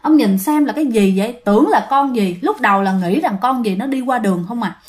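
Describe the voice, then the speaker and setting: Woman, casual ghost storytelling, fairly high voice, chatty. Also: fairly quick. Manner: chatty, addresses listeners directly, lively pitch swings.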